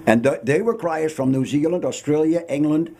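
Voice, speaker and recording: A man's voice: on the high side, moderate pace, gravelly, dark tone, slight background noise. A man speaking as an interview guest, explaining and telling stories in a jocular, theatrical way with rhetorical questions. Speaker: town crier guest. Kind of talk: radio interview, explanatory storytelling. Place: radio studio. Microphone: studio microphone.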